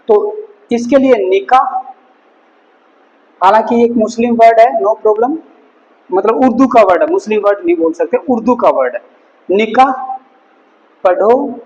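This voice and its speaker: A male chemistry teacher who gives a classroom lesson, slowly repeating each term and mixing in words. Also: extremely high pitch, a little mellow, muffled recording. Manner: slow and repetitive, drills each word several times; mixes Hindi with English terms. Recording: long reverb, echoey hall.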